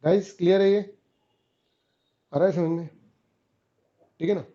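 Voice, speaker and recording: Upbeat lecturing man, high and mellow. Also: fairly even intonation, a little slow, dull audio. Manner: keeps checking students follow, calls them beta and guys. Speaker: teacher. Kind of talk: revision lecture.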